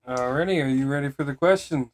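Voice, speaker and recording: A man's voice: medium pitch, fast. A man co-hosting a casual podcast chat, who laughs along and asks the questions.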